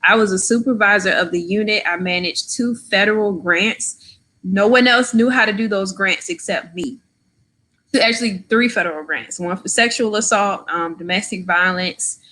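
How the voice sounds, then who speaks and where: A woman's voice: medium pitch, normal speed, sharp tone. A woman in her thirties from Florida, a podcast guest telling her story in a chatty, casual way, often tagging lines with "right?" and "like". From Florida, USA. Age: 30s. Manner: chatty, lots of "like" and "right?" tags.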